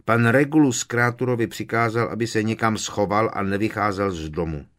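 A man voicing a frail, cowed old male house-elf who croaks and speaks of himself in the third person. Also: fairly low pitch, fairly bright tone, lightly acted. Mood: fretful.

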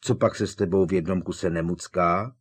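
A man's voice: low voice, steady tone, husky. Harry, an incredulous teenage wizard, read by a man. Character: puzzled teenage wizard boy, sensible.

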